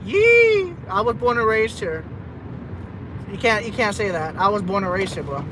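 A man's voice: sits high, very animated, normal speed. A man from Texas, live streaming from his car while driving at night, rambling and repeating himself as he vents half-jokingly. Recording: road noise from a moving car. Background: engine and road noise.

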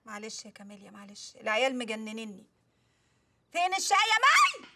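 A woman's voice: a little high, big pitch swings, quick pace, sharp tone, full character voice. An actress playing a short-tempered, frazzled mother with an Egyptian accent, scolding in exasperation. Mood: exasperated. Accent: Egyptian Arabic. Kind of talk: TV comedy series acting.

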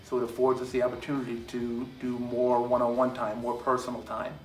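A middle-aged policeman tells his story in an earnest, even-toned way, with little rise and fall in his voice. He sounds a little away from the mic in a roomy studio, with soft music under him. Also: medium pitch, brisk, recorded from a distance. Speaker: police officer. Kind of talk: interview testimonial. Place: studio with curtain backdrop.

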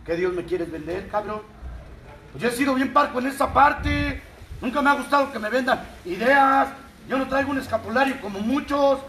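A high-pitched man with a Mexican Spanish accent tells his story to a recovery group, crude and mocking, swearing at every turn. He sounds far from the mic in an echoing meeting room. Steady background noise runs under his voice. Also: brisk. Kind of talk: profane testimony to a group. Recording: distant, roomy, noisy room recording.

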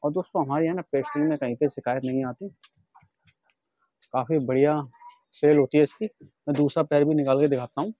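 A man's voice: on the high side, steady tone, fairly quick, long pauses, mellow, dry recording, muffled recording. Chatty Indian man showing shoes. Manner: chatty, repeatedly addresses viewers as friends. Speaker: vlogger showing shoes for wholesale. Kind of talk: casual product demonstration vlog.

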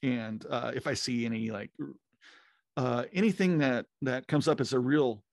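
Over a video call on a studio mic with headphones, a fifties-aged man co-hosts a podcast from his home music studio. His mid-range voice moves at normal speed, with no room sound. The casual technical chat about audio tools rambles, packed with fillers and restarts.

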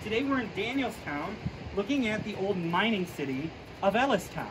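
A man's voice: high voice, moderate pace, noisy background. Laid-back young man vlogging outdoors. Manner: relaxed, unsure, filler-heavy narration. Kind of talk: casual outdoor exploring vlog. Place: outdoors in snowy woods by a river.

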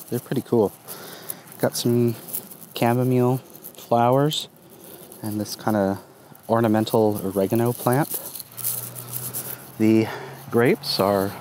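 Holding his phone out at arm's length, a thirtysomething gardening vlogger casually shows off his plot in a sunny community garden, his medium-pitched voice full of ums and uhs. Traffic rumbles by in the background of this outdoor recording, along with the ambient sounds of being outside.

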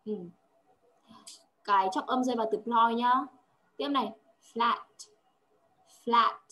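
A woman's voice: a little high, steady tone, takes it slowly, pushed and bright. A woman tutoring one-on-one, patiently drilling words and checking understanding often. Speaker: English tutor. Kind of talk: one-on-one language lesson.

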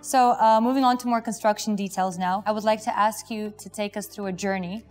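Woman, 20s, quick upbeat interviewer, lapel mic, faint music. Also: mid-range voice, fairly even intonation, a little mellow. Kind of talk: scripted interview questions. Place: exhibition pavilion indoors.

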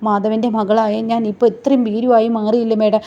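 A woman's voice: on the high side, level tone, fairly quick, mellow, dull audio, lightly acted. Woman voicing a despairing young policewoman. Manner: pleading, tearful.

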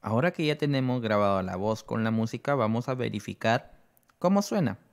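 A man presenting an app tutorial, explaining each step slowly and checking in with the listener. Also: medium pitch, animated, gravelly. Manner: explains slowly, often adds "¿no?".

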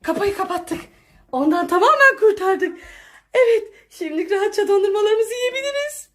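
Brief: young mom, vlog host, very high and bright voice, cheering the kids through a game at home, laughing and shouting. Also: female voice, normal speed. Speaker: mother and family vlog host. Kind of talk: excited commentary on a children's game.

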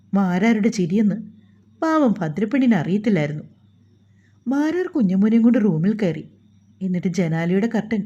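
A woman storyteller giving an expressive, scripted audiobook narration of a family drama. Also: medium pitch, highs cut off.

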